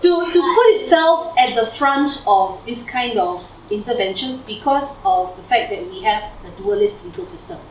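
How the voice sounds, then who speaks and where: Her voice sits a little high, animated, at normal speed with few pauses. She's a young Malaysian woman with a Malaysian English accent giving friends an informal, chatty rundown of her PhD research at home, slide on the TV, full of fillers, "lah" and "right?". The far camera across the room captures roomy, distant sound with a faint hiss.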